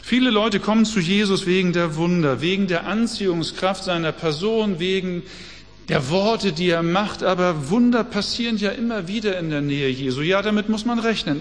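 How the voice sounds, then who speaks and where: A man preaching a sermon, reading scripture aloud slowly and deliberately between his own explanations. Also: high voice, in a large hall. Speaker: pastor.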